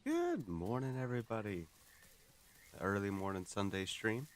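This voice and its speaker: Male streamer, low gravelly morning voice, kept quiet and relaxed, faint noise behind. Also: measured pace, low-quality recording. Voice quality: groggy morning voice. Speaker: game streamer. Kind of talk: casual live-stream chat.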